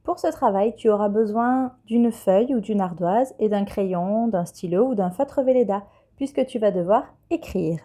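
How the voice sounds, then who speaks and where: A woman teacher, giving a patient, clear dictation lesson to young children and spelling letters one by one. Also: medium pitch, moderate pace, hardly any pauses, dark tone. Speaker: primary school teacher.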